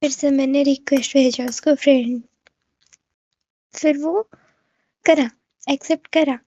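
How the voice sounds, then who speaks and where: A woman's voice: high-pitched, fairly even intonation, measured pace, mellow, no echo, dull audio. A woman telling a story to her viewers in a casual, rambling way, full of fillers and restarts, often speaking to the listener directly. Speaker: gamer recounting an online incident.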